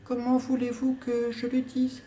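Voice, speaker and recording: A man's voice: extremely high pitch, completely flat delivery, unhurried, warm tone, slight background noise, pitched above the performer's own voice. A young man playing a young woman lover who turns aside questions with short, hesitant denials. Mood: evasive. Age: young adult. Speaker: student actor. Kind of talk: solo stage reading of a play. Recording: roomy echo.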